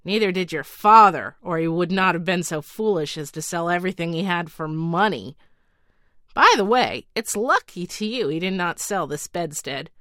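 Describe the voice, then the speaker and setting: A woman voicing a calm, round little magical servant in a fairy tale, matter-of-fact and brisk. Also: lowish voice, dry recording, studio quality, lightly acted.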